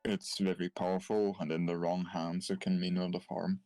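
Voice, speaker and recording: A man playing a tabletop role-playing game, speaking haltingly and repeating words as his character. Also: low voice, flat delivery, a little mellow, dry recording. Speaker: player.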